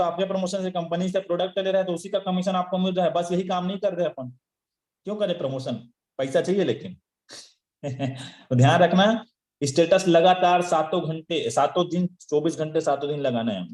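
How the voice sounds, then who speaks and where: A man's voice: high-pitched, a little mellow. A man giving a motivational training talk to sales recruits, firing off rhetorical questions and scolding his listeners, with chuckling asides. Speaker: network marketing trainer. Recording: echoey room.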